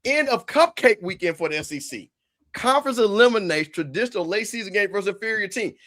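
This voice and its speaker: A man's voice: high voice, fairly bright tone. A man hosting a casual sports talk show, brash and scolding as he corrects his listeners. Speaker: show host.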